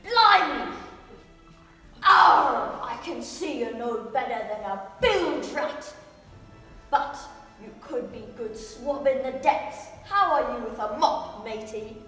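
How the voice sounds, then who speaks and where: A woman's voice: sits high, lively intonation, takes it slowly, bright, forceful tone, far from the mic, soft background music, exaggerated voice. A woman voicing a swaggering pirate pig captain, growling with pirate talk and roaring arrs. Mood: scornful. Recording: roomy echo from off mic.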